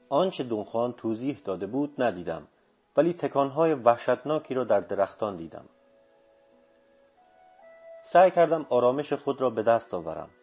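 A man reading a first-person story aloud in a steady, measured narration. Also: mid-range voice, slightly rough. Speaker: audiobook narrator. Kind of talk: scripted literary narration. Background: faint music.

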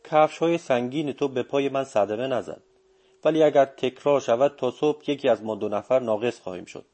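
A man's voice: medium pitch, a little mellow, natural voice. A man reading the lines of a teasing, commanding old male sorcerer in an audiobook, firm and full of authority.

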